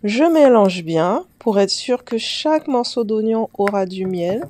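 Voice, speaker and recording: With lively intonation and a measured pace, a woman with a slightly mellow mid-range voice narrates a casual how-to on camera. She walks viewers through a homemade remedy, talking to them like a friend.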